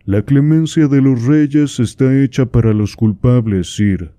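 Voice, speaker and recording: An anxious cardinal pleads in a slow, earnest voice, read by a man narrating a novel. The voice is low and dark. The recording is dry and close. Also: no echo, lightly acted. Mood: pleading.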